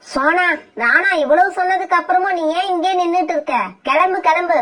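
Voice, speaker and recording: A woman's voice: very high-pitched, a little fast, fairly bright tone. A woman voicing a taunting cartoon crow. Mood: scornful. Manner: taunting, scolding. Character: scornful meddling crow, female. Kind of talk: cartoon voice acting.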